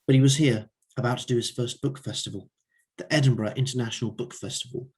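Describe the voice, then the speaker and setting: A man reads his own story aloud at an open mic night. He narrates wryly in a husky, mid-pitched voice. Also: fairly even intonation, quick pace, darkish tone.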